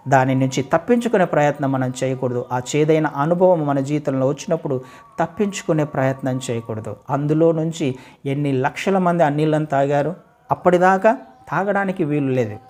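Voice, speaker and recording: A man delivers a sermon in a somewhat high voice, stacking repeated phrases into building runs. He poses rhetorical questions straight to his listeners. He swings from loud, urgent calls down to quiet, slowed passages. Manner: rising to loud calls, then dropping low and slow; asks rhetorical questions, addresses listeners directly. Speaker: preacher.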